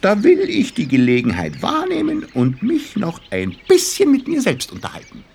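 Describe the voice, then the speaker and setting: A man's voice: high voice, huge pitch swings, moderate pace, creaky, a little mellow, slight background noise, heavily acted. An actor playing Kasperl, a cheeky, talkative male puppet jester who chats and argues with himself in a children's radio play. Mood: playful. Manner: chatty, argues with himself, playful. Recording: radio play with music behind.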